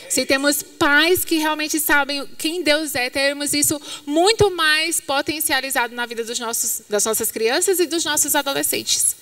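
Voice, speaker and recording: Brazilian woman giving a sermon, high voice, kinda distant from the mic but dry, acts out the story voices. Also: normal speed, few pauses, sharp tone, dry recording. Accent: Brazilian Portuguese. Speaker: conference speaker at a church. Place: church hall. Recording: dry sound, from somewhat far from the mic.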